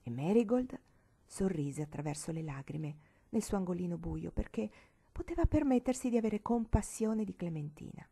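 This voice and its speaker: A woman narrates a novel in an expressive audiobook reading. Her voice sits a little low, and she shifts freely into the characters' voices. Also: normal speed, creaky, breathy edge. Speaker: audiobook reader.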